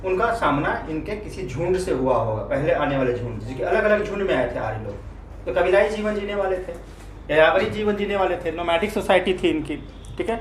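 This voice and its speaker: High-voiced male teacher in an echoey classroom. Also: expressive. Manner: keeps checking understanding with quick questions; repeats key terms for emphasis. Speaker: history teacher. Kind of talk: classroom lecture. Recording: echoey room, mic at a distance, faint noise.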